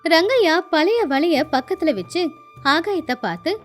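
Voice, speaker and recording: A woman tells a moral story in a measured, scripted way. Her voice sits very high and clear above faint background music. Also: very animated.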